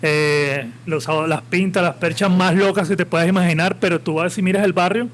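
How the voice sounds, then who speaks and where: A man's voice: high-pitched, fairly even intonation, moderate pace, slight background noise. A man with a Colombian Caribbean coast accent, talking as a guest on a live podcast in an impassioned, opinionated, rambling way. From Colombia, Caribbean coast (Santa Marta). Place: live podcast event with audience.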